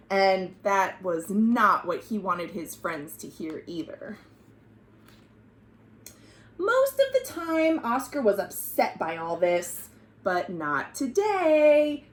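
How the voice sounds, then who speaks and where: Hosting storytime for kids, a woman from the United States reads expressively, pausing now and then to define words and pose questions to the children. Her voice is a little high.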